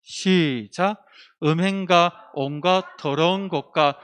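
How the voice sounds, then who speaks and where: A male pastor giving a lively children's sermon, asking the kids questions and acting out what they might say. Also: on the high side, takes it slowly, smooth. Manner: animated, acts out children's voices, asks the kids questions.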